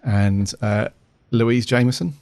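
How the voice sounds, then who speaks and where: A man's voice: medium pitch, fairly even intonation, slow, darkish tone, no room sound. A man chatting casually as a podcast host. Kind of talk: casual chat.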